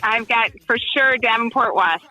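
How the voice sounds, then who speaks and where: A woman's voice: a little high, moderate pace, pushed and bright, soft background music, poor audio. A woman in her forties calling in over a car speakerphone as a guest, chatting in a friendly, upbeat way and laughing easily. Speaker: call-in guest. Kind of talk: casual chat.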